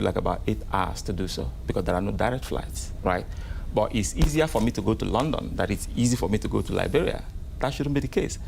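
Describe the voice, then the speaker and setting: A man answering as a guest in an interview, measured and often checking in with "right?". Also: on the low side, gravelly, darkish tone, a little hiss or hum.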